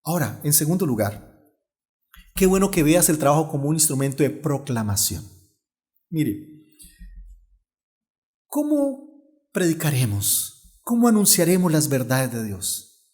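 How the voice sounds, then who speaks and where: A middle-aged man, a pastor preaching a sermon and telling stories with lively acted-out dialogue. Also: on the high side, a little slow, pauses often. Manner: animated storyteller, acts out dialogue.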